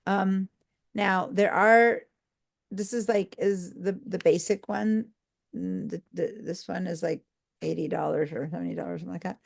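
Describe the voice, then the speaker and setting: A sleep-deprived woman with a lowish, creaky voice teaches a live online class on design software. Her tone is steady and her pace moderate, but her talk rambles loosely, full of fillers and restarts.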